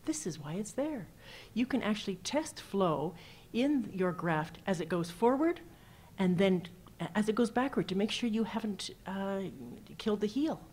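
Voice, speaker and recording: A woman's voice: mid-range voice, animated, moderate pace, few pauses, a little mellow, slightly rough. A woman surgeon giving a conference talk, casual and anecdotal as she walks through slides full of numbers. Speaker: cardiac surgeon presenting at a symposium. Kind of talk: conference presentation.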